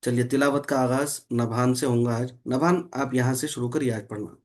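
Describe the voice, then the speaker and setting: A man's voice: medium pitch, steady tone, normal speed, a little mellow. A man teaching Quran recitation rules in an online lesson, patiently explaining step by step and quizzing his student.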